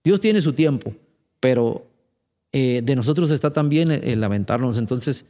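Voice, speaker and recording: Man, warm mellow voice, earnest testimony, conversational. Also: medium pitch, expressive, moderate pace. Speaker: guest giving testimony.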